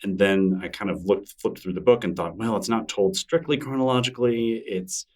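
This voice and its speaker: With a lowish voice and moderate pace, a middle-aged man talks casually as a podcast guest, picked up by a distant mic. His manner is easygoing and meandering, self-deprecating, and he restarts sentences a lot.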